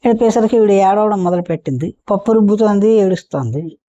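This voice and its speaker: A woman's voice: mid-range voice, fast talker, warm tone, no room sound. A woman storyteller telling a folk tale for children in a homely, repetitive, chatty way. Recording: dull muffled recording.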